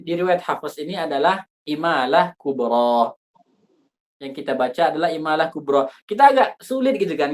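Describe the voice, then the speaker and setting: A man teaching a recitation class, explaining rules informally with lots of fillers and acted-out vowel examples. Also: on the high side. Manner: informal, thinks aloud with fillers, demonstrates vowel sounds.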